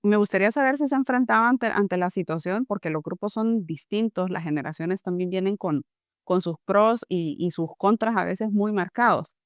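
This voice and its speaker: A woman hosting an education podcast, asking thoughtful, measured questions. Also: medium pitch, dry recording, clean studio sound. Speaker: podcast host. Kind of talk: interview questions.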